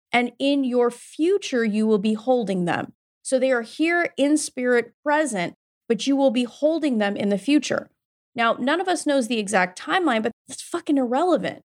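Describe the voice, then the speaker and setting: A middle-aged woman hosting a podcast as a mindset coach, giving an emphatic, informal motivational pep talk sprinkled with swearing and pet names. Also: high-pitched.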